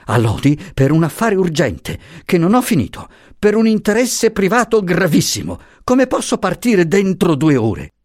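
A man reading aloud and voicing a high-strung older professor who pleads in a hurried, anxious manner. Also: huge pitch swings, a little mellow, dry recording, clean studio sound, exaggerated voice. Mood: indignant protest.

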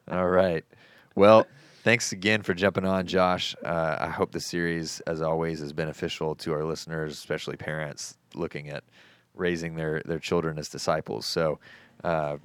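A man with a very low voice hosts a casual podcast conversation. He talks earnestly and thoughtfully, often restarting his sentences. The sound is dry and close to the mic. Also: level tone, normal speed, fairly bright tone, clear, resonant tone, no echo. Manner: earnest, reflective, with frequent restarts. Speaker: podcast host.

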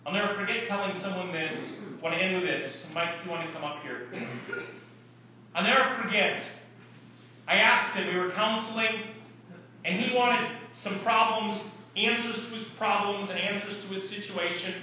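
Male pastor, emphatic preacher, high-ish voice, heard from a distance, muffled sound. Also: moderate pace, a little hiss or hum. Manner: emphatic preaching with rhetorical questions. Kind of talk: sermon. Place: church. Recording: echoey church hall, mic far off, dull.

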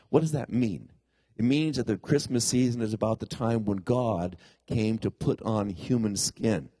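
A middle-aged pastor delivers a conversational sermon, often questioning the congregation, and blames his congested voice on a pulled tooth; he's congested with a cold-like ailment after the extraction. His voice is lowish, mellow and slightly rough, with no room sound.

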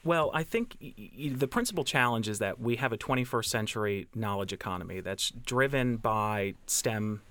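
A man's voice: on the low side, expressive, normal speed, few pauses, a bit bright, no echo. A man speaking as a representative of an education nonprofit, earnest and citing statistics. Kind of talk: radio interview.

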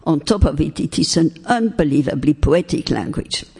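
This older woman, a French native speaker, gives a talk on faith and philosophy in a hall with a low, expressive, mellow and slightly rough voice. She is deliberate and emphatic, lengthening the important words. The room adds a long hall reverb.

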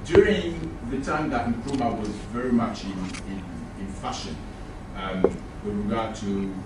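A man with an Ivorian accent putting a formal question from the floor in a halting, hesitant way. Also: lowish voice. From Côte d'Ivoire. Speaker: audience member asking questions. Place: echoey room at a public talk. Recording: very echoey, distant, noisy room pickup.

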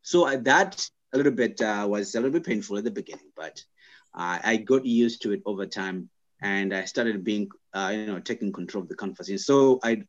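A young man from Zimbabwe, a guest in an interview, speaking thoughtfully and haltingly with many restarts and fillers. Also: medium pitch, muffled recording. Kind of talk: conversational interview.

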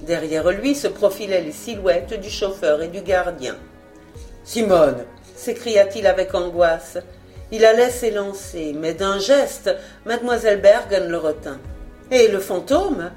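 A woman narrating an old-fashioned novel aloud in an expressive storytelling manner. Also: mid-range voice, measured pace, faint music behind. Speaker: audiobook narrator.

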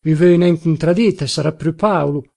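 A man reading an audiobook, voicing a stubborn, drunk middle-aged man with a Turinese accent who shouts slowly. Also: fairly high pitch, gravelly. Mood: insistent. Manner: shouting, slow and slurred.

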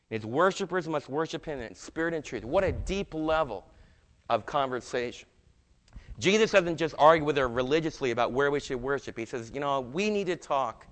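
Animated preacher in a reverberant hall. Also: male voice, on the high side. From New York. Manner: animated, shifting between loud emphasis and hushed quiet lines; acts out quoted dialogue in his own voice. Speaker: pastor. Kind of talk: sermon.

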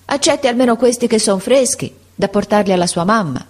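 A woman's voice: fairly high pitch, animated, brisk, voice pushed up. A woman voicing a poor, humble mother who speaks timidly and pleadingly, in a storybook reading. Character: poor anxious humble mother, middle-aged.

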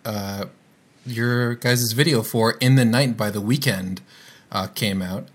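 A man's voice: lowish voice, steady tone, slow. A man hosting a casual podcast, chatty and upbeat, introducing his guests with plenty of fillers. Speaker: podcast host.

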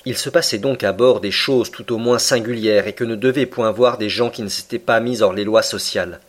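Low-voiced man narrating an audiobook. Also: a little fast. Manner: steady, formal storytelling.

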